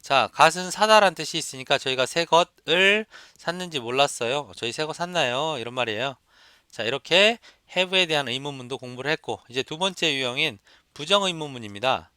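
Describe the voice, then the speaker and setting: A male instructor walks through listening questions, repeating each example and prompting his students to say it back. His voice is bright and forceful, smooth and crisp, and it sounds close and dry with no room echo. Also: on the high side, expressive, moderate pace. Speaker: English test instructor. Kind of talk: lecture.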